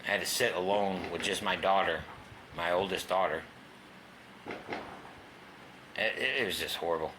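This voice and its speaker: A middle-aged man, a talk show guest, bluntly tells the story of his recovery, swearing now and then and acting out the voices of people he quotes. His very low voice still sounds bright and forceful, and he speaks unhurriedly with long pauses. The delivery is raw and candid, with a faint hiss of background noise under the recording.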